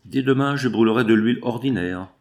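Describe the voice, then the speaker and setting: A man reading an audiobook voices a young widowed mother, answering softly but firmly. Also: medium pitch, fairly quick, natural voice. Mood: calm. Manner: soft, restrained replies.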